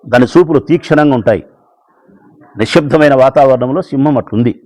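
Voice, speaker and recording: A man telling a fable slowly and dramatically, with much repetition. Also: mid-range voice, darkish tone, poor audio. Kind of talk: storytelling speech.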